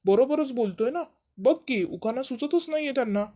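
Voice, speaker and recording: A woman's voice: high voice, animated, normal speed, warm tone, pitched above the performer's own voice. A woman voicing a stern older uncle who taunts the bride. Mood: taunting.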